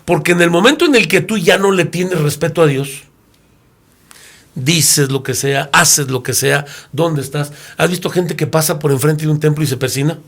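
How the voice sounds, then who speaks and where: A man in his sixties with a Mexican Spanish accent, a pastor, leads a sermon-like Bible lesson discussion in a slightly high, fairly bright voice at a moderate pace. He tells stories and acts out the characters he quotes.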